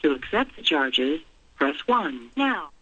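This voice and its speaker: A man's automated payphone collect-call message, played back through a phone line. His delivery is formal and clipped, with a somewhat high, lively pitch and a bright edge. The sound is dull and lo-fi. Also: slow, husky. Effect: recorded payphone collect-call message over a phone line. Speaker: collect-call operator prompt. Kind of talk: automated operator announcement.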